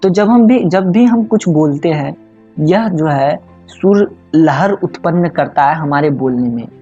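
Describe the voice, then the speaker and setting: A man's voice: on the high side, lively intonation, measured pace, dark tone, husky. Hindi-speaking man tutoring, checking in constantly. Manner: conversational, frequent "ठीक है?" check-ins, mixes English phrases. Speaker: online tutor. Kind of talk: explaining exam questions to students. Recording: slightly dull audio with faint background music.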